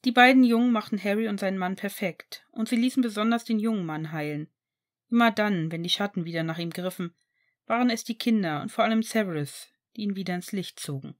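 A woman's voice: mid-range voice, a little fast. Woman reading a story aloud. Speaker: narrator. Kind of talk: audiobook reading of fan fiction.

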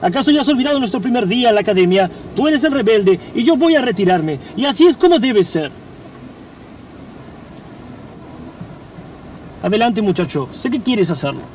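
A man's voice: high-pitched, very animated, quick pace, hardly any pauses, darkish tone, recorded from a distance, rough recording. An actor playing a weary family-man cop dreaming of retirement, rambling and melodramatic in a buddy-cop parody. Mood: resigned, earnest. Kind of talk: parody of dubbed American buddy-cop show. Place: inside a parked car. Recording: off-mic in car, faint traffic.

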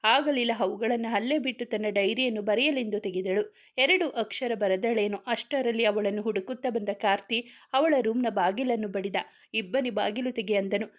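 A woman storyteller narrating a romantic story in a steady, even reading voice. Her pitch sits somewhat high for a woman. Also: normal speed.

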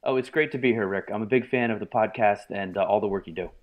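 A man's voice: on the low side, quick pace, dull audio. Talkative man telling stories as an interview guest. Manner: lively, talkative storyteller with frequent fillers. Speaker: guest, market analyst and author. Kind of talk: podcast interview.

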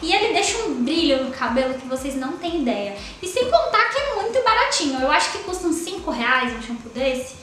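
Young Brazilian beauty vlogger, chatty and effusive, sharp bright tone, faint hiss behind her. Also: high voice, very animated, a little fast, hardly any pauses. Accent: Brazilian Portuguese. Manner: chatty, gushing, lots of fillers like "tá?" and "ó". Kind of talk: casual product review. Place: small indoor room with a sofa. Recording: very echoey room with faint noise.

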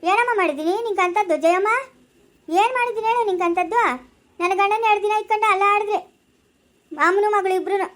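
A woman playing a quarrelsome older village woman who shouts sharp, rapid accusations in a homemade family drama. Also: high voice, close to an everyday voice. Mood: angry scolding.

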